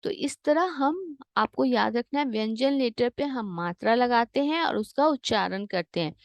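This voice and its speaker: A woman's voice: fairly high pitch, animated, moderate pace, no echo. A woman teaching young children to read Hindi, sounding out each syllable patiently and slipping in English words. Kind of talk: slow syllable-by-syllable lesson reading.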